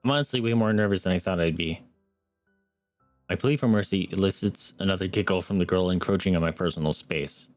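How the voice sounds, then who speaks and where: Deep-voiced man reading a game aloud. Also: a little fast, no room sound, faint music behind. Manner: earnest reading with wry asides. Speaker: streamer. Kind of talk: reading a visual novel aloud with commentary.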